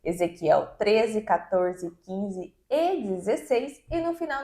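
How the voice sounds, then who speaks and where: A woman with a Brazilian Portuguese accent, hosting a podcast and reading scripture aloud in a measured, deliberate way. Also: a little high, a little mellow. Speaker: podcast host and Bible reader. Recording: roomy, echoey sound.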